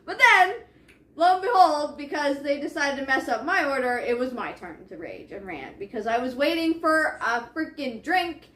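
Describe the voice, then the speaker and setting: A woman's voice: high voice, lively intonation, moderate pace, few pauses, fairly bright tone. A woman co-hosting a casual chat podcast, swearing freely and laughing through her stories. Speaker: podcast co-host. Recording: echoey room with faint hiss.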